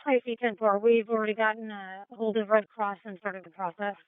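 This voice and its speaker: A woman's voice: mid-range voice, flat delivery, a little fast, smooth, no room sound, phone-quality sound. An American woman working as an emergency dispatcher, reading messages back procedurally in police-radio style over a radio transmission.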